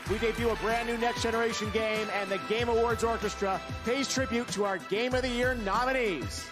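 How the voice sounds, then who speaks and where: A man hosting a live awards broadcast, announcing in a brisk, upbeat way. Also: extremely high pitch, steady tone, over music. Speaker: awards show host.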